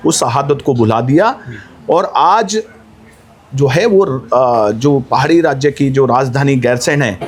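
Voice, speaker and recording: Impassioned man making a rousing appeal. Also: medium pitch. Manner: rousing, rhetorical, rising to emphatic peaks. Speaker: activist guest. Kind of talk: impassioned interview speech.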